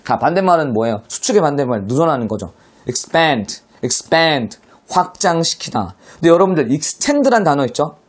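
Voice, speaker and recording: A man's voice: on the high side, very animated, a little fast, hardly any pauses, a little mellow. A man teaching English vocabulary to middle school students in an online class, speaking with a Korean accent and often addressing his students directly.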